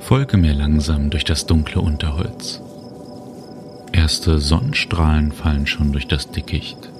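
A man narrating a guided relaxation journey, speaking slowly and soothingly. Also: rumbling low. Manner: slow, calm, soothing. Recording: music bed under voice. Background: music and cricket sounds.

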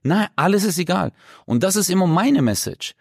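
Lively, slangy male comedian guest. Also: normal speed, gravelly, breathy edge, dry recording, clean studio sound. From Germany. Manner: animated storyteller, slangy, swings pitch widely. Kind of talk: casual interview chat.

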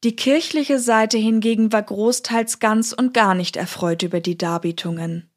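A woman's voice: on the high side, moderate pace. Woman narrating a history story.

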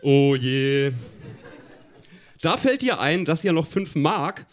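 Guy reading his kid story live, amused, voice goes up and down a lot, fairly high. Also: lively intonation, normal speed, fairly bright tone. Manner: amused, laughing through the reading. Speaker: reader at a live reading show. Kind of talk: reading his old childhood story aloud, with asides. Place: live stage before an audience.

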